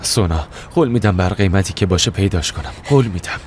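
A man voicing a prosecutor and father, calmly reassuring his wife and giving orders. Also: deep voice, a little hiss or hum. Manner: soothing, reassuring, firm. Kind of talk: dubbed TV drama.

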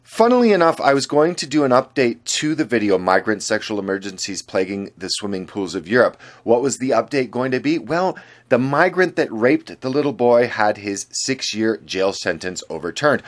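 A man's voice: medium pitch, lively intonation, moderate pace. A man reading scripted commentary as a channel host, sardonic and indignant in manner. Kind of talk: scripted political commentary voice-over.

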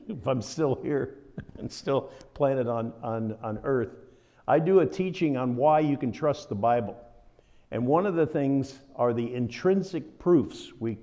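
A man's voice: medium pitch, dark tone. Folksy Southern man teaching Bible study. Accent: Southern American. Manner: conversational, folksy, with asides.

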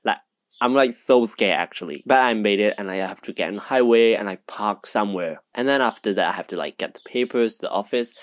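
A young man telling a rambling, excited storytime vlog, with lots of fillers. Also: lowish voice, fairly quick, dry recording. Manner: excited, rambling, heavy use of "like". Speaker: vlogger.

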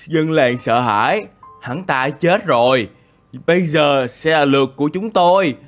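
A man's voice: fairly high pitch, expressive, unhurried, faint music behind. A man doing a frightened village man. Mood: fearful. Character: frightened male game villager, fearful.

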